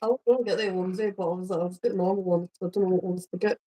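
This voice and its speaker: A woman's voice: lowish voice, steady tone, quick pace, dark tone. A woman teasing and giggling during a casual chat.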